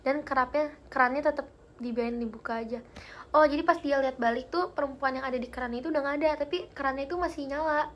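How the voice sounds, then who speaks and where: A woman's voice: high voice, fast, fairly bright tone, slight background noise. A young woman hosting a live stream, chatting casually with viewers and telling spooky stories in a giggly way. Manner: chatty and giggly, reads comments aloud.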